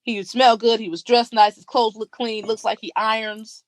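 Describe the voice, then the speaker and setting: A woman's voice: fairly high pitch, moderate pace, no echo. A young woman, co-hosting a podcast and telling a story in casual chat, acting out the other people's lines. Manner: animated, acts out dialogue in story. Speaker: podcast co-host.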